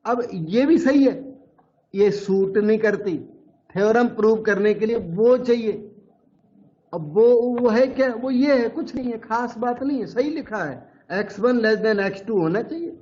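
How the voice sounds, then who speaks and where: A man's voice: high voice, measured pace, mellow, lo-fi sound. A man teaching a maths lecture at the board, explaining each step patiently and repeating key terms.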